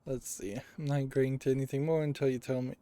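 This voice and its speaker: A man's voice: mid-range voice, little pitch movement, fast, dark tone, dry recording. A man giving casual, analytical video game commentary, musing aloud as he plays. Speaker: host of a video game playthrough. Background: game music.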